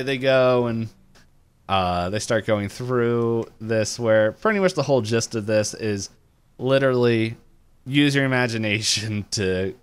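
A podcast co-host casually recaps a cartoon episode, rambling with lots of fillers and laughs. His voice is on the low side and smooth.

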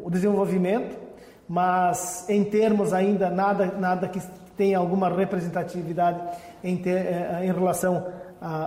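A man giving an explanatory interview answer as a technical expert, in a halting way with repeated words. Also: sits high, dark tone. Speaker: technical director of an agricultural extension agency, interview guest. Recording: echoey room with long reverb.

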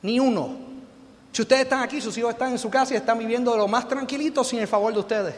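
A middle-aged Puerto Rican man with a strikingly high voice delivers a lively motivational seminar. He jokes and keeps throwing questions at the crowd. His voice rings out with a long reverb in a big hall. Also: very fast, slight background noise. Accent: Puerto Rican Spanish. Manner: animated, joking, quizzes the audience with questions. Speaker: motivational business speaker. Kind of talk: live motivational seminar talk.

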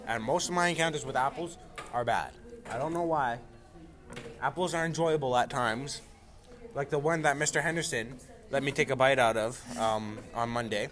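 A man's voice: mid-range voice, normal speed, fairly bright tone. A man chatting casually about food, rambling and playful, repeating words, sounding a bit stuffy.

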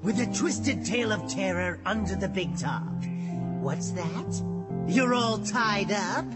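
A man's voice: high-pitched, expressive, loud music behind the voice. An actor playing a cackling, ghoulish undead male horror host who drawls gruesome puns. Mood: gleeful, mocking. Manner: gleeful gruesome puns, drawn-out delivery.

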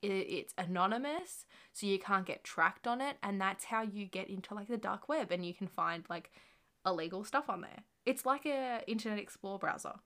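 A woman's voice: mid-range voice, animated, normal speed, bright, forceful tone. A woman in her twenties co-hosting a podcast, chatty and explanatory in casual talk. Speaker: podcast co-host. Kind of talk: casual chat.

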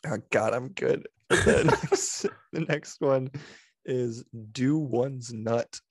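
Man, podcast co-host, playful casual chat, gravelly, dry close sound. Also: medium pitch, slow, dry recording. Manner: giggly, playful, laughs often.

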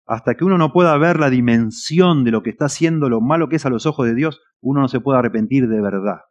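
Earnest Rioplatense preacher man, lo-fi. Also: a little high. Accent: Rioplatense Spanish. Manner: earnest, emphatic, swells and drops in loudness. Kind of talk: sermon. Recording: dull lo-fi recording.

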